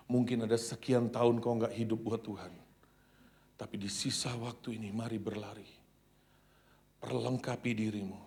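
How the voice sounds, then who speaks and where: A male pastor preaching a sermon dramatically, swinging between loud cries and hushed near-whispers, dropping English phrases into his talk. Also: lowish voice.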